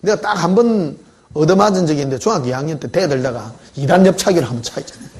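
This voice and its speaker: Lively preacher. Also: male voice, fairly high pitch. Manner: conversational storytelling, questioning the congregation. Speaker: pastor. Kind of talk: sermon. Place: church.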